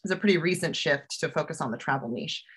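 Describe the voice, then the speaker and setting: A woman's voice: deep voice, fast, breathy edge. A woman guest who teaches self-defense and travel safety, talking chattily in a casual interview with lots of fillers. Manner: chatty, animated, with fillers and laughs.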